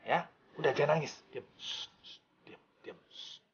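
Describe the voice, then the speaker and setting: An actor playing a panicked father, frantically hushing and soothing his crying children. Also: mid-range voice, very animated, normal speed, breathy edge, far from the mic, muffled recording, heavily acted. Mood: frantic hushing. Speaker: father in a reenactment.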